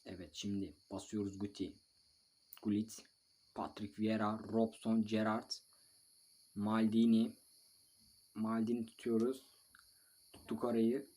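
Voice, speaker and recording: A young man commentating live on his own mobile football match. He calls players by name, scolds them, swears a little, breaks into shouts and talks to viewers between plays. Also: lowish voice, little pitch movement, unhurried, pauses often. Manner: bursts of shouting and mild swearing. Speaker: mobile football gamer and video maker.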